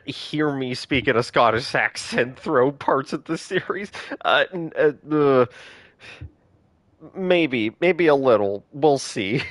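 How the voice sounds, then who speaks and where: A man's voice: a little high, dry recording, studio quality. A man streaming a video game, chatting to viewers with rambling, self-conscious asides. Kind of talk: live game commentary.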